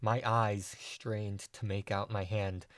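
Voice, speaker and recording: A man narrating a dark first-person audio story in a measured, deadpan way. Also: lowish voice, no echo, studio quality.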